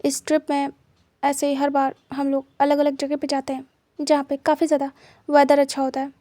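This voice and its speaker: A composed male teacher who speaks in terse, firm sentences, voiced by a woman in a high but flat and even tone. The sound is warm and dry, close to the mic. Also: fairly quick, no echo, close to an everyday voice. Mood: calm. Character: calm stern male teacher, reserved.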